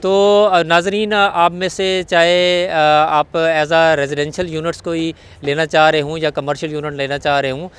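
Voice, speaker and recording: A man's voice: a little high, little pitch movement, moderate pace, hardly any pauses, a bit bright, clean tone. A man with a Pakistani Urdu accent hosting a property show, polite, asking questions and adding short agreements, recorded outdoors on a lapel mic. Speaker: host.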